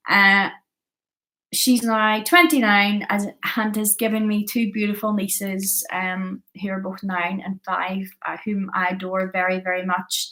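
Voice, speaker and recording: The recording is low-quality: a woman in her early thirties from Belfast, Northern Ireland, with a Belfast Northern Irish accent, vlogs about her addiction. Her mid-range voice is level, measured, bright and forceful. Speaking partly from notes, she tells her story candidly and earnestly, driving points home by repeating them.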